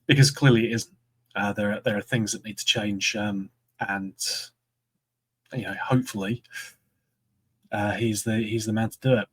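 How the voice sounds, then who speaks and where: A Scottish man hosting a football podcast, speaking in a measured way and steering the discussion with questions to his co-hosts. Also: on the low side, fairly even intonation, breathy edge, rough recording. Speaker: podcast host. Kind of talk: casual football chat.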